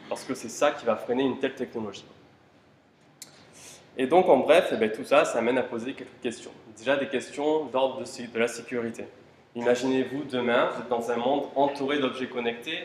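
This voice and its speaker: A man of medium pitch speaks fairly quickly and with fairly even intonation, giving a relaxed talk at a tech conference. He poses rhetorical questions to the crowd and uses casual fillers along the way. There's slight background noise, and the conference room sounds like a roomy hall with faint ambience.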